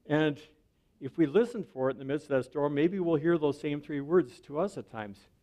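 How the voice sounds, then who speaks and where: A man's voice: on the high side, animated, moderate pace, warm tone. A man giving a sermon as a pastor, speaking in a conversational way and often checking in with the listener. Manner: conversational preaching, often asks the listener "right?".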